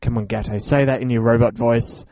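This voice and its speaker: A man of middle pitch hosts a casual radio show and rambles through the credits with playful jokes. His voice sounds dry and close, with no room around it. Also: steady tone, brisk, mellow, no echo. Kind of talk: casual show sign-off chat.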